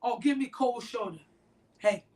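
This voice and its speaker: A woman with a fairly high voice tells a story on a podcast, animated and talking right to her listeners. She sits a bit back from the microphone, so her voice has some distance. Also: unhurried. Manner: animated, addresses listeners directly. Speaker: podcast co-host.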